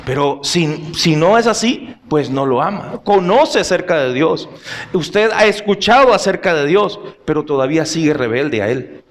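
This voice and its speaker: A man's voice: on the high side, lively intonation, moderate pace. A middle-aged male pastor preaching a sermon, telling anecdotes and putting questions to the congregation.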